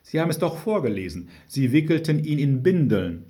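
Mann als kleiner Junge, höher, ratlos. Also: male voice, fairly high pitch, sing-song, fairly quick, mellow, pitched above the performer's own voice. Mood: insistent. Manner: puzzled questions. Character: puzzled little boy mishearing words.

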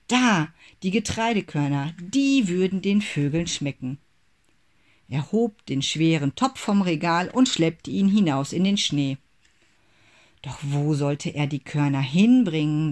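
A narrator reading a children's Christmas story aloud in a measured, expressive way. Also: medium pitch.

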